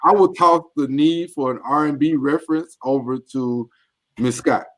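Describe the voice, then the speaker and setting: A man's voice: mid-range voice, moderate pace, a little hiss or hum. A man co-hosting a casual business talk show, upbeat and playful as he wraps things up. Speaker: co-host. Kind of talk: casual podcast chat.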